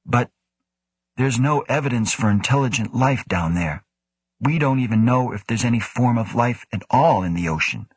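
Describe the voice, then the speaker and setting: A man's voice: mid-range voice, animated, normal speed, husky, no room sound. A man voicing a puzzled, earnest male scientist in a hesitant, wondering way. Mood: uncertain.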